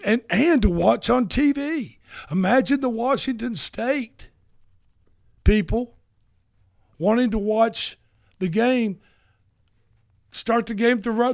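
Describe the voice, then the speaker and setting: A man's voice: high voice, vocal fry, no echo, studio quality. A man hosting a sports radio show, chatting casually and rambling with repeats.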